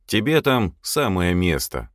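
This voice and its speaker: A man voicing a stern, commanding older man who speaks slowly and with calm menace. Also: low voice, no room sound, clean studio sound. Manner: slow, measured, commanding.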